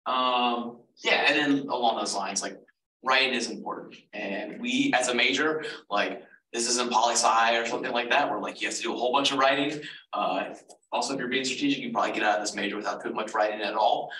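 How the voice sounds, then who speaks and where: A man's voice: medium pitch, fairly quick, bright, forceful tone. A man advising students in a casual info session, rambling with lots of fillers and self-corrections. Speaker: economics advisor. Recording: echoey room, far from mic, faint noise.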